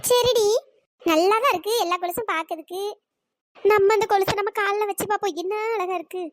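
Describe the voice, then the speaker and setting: Super high squeaky village auntie, haggles and gets huffy, dry. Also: female voice, fairly even intonation, a little fast, no echo. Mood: chatty. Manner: chatty, haggling, easily offended. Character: plump village woman customer, bargaining, touchy. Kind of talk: cartoon voice acting.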